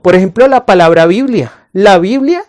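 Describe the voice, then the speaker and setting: Slow, emphatic male Bible teacher. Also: sits high, animated, darkish tone. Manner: slow, emphatic, asks questions and answers them; addresses the listener as friend. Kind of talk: recorded Bible lesson to camera.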